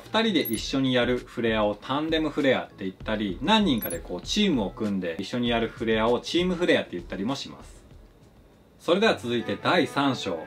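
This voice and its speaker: A man in a mid-range voice walks through his bartending craft in polite, scripted narration. His pitch rises and falls a lot as he explains. Soft background music plays under him.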